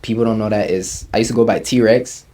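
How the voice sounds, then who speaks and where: Brisk and lowish in pitch, a young man from Uganda, a rapper in his twenties, talks easily during an interview. He uses lots of slang, stays relaxed, and frequently says "you feel me."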